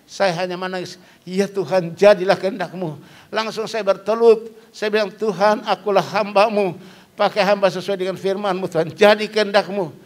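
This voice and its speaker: An older pastor with a high voice delivers a sermon, preaching emphatically with repeated phrases and rhetorical questions.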